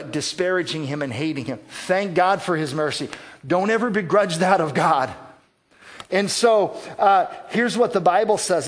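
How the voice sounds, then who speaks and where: A man preaching a sermon earnestly, sometimes repeating words while he searches for the next thought. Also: fairly high pitch. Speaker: pastor.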